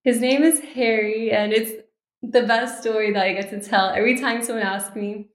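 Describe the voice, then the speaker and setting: A Miami-born American woman in her twenties, a law student and bride-to-be, appears as a guest on a podcast, speaking in a cheerful, articulate and positive conversational way during a casual interview. Her voice is a little high and steady at a moderate pace, in an echoey room.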